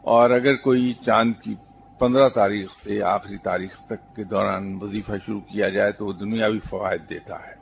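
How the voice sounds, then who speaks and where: Gravelly-voiced man giving a calm spiritual talk. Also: lowish voice, a little hiss or hum. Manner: calm, measured storytelling with English terms mixed in. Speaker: spiritual teacher. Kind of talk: religious talk answering a question.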